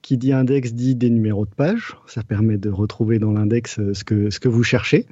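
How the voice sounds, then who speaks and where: Mellow-voiced man explaining, dull lo-fi sound. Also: lowish voice, fairly even intonation, brisk, slightly rough, no echo. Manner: explains step by step with frequent "euh" and repeated words. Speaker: podcast co-host. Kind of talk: casual podcast chat, explaining a topic.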